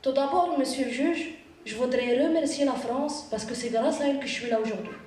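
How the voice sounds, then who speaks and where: A man's voice: extremely high pitch, fairly quick, recorded from a distance, very noisy. A woman voicing a humble Tunisian immigrant father pleading his case before a judge, earnest and folksy. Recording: echoey stage show with audience.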